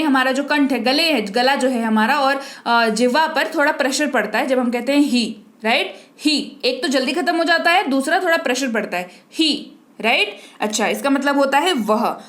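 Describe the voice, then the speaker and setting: Female teacher, high voice, patient and repetitive, quizzes the learner. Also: fairly bright tone. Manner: patient, repeats and quizzes the viewer. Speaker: English teacher. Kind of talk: spoken language lesson.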